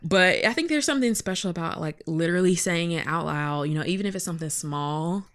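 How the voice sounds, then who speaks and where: Chatty woman podcast host, gravelly low voice. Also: a little fast. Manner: chatty, warm advice-giving. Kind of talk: casual chat.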